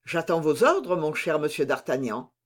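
A man's voice: fairly high pitch, sing-song, moderate pace. A man reading aloud and voicing a timid, plaintive, plump old prison governor. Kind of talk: audiobook reading.

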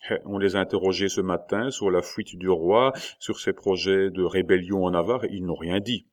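A man reading aloud, voicing a bold, playful young duchess who explains a plan in a brisk, confiding way. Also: low voice, steady tone, close to an everyday voice.

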